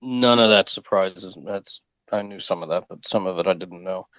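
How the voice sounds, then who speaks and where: A man's voice: sits low, normal speed, fairly bright tone, no echo. A man in a casual online voice chat about crypto, asking questions and restarting his sentences. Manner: questioning, rambling with repeated restarts. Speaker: participant in a crypto community audio space.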